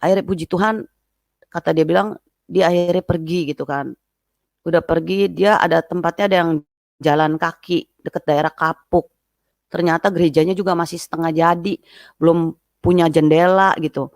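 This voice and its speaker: A woman telling a personal testimony as a guest, lively and acting out the voices of people she quotes. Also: normal speed, no echo, clean studio sound. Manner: lively, acts out quoted voices in a high pitch.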